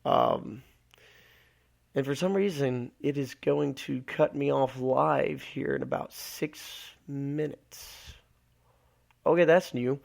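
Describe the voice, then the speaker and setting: A man's voice: mid-range voice, takes it slowly, creaky, a little mellow. A man from Alabama, hosting a solo live podcast, losing his voice and rambling with many filler words. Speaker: podcast host.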